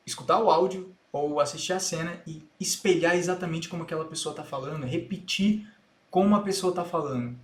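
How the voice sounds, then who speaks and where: A man with a Brazilian Portuguese accent, an English teacher explaining a learning method step by step in an online lesson. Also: fairly high pitch. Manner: patient, step-by-step explaining, repeats English lines to demonstrate. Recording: echoey room sound.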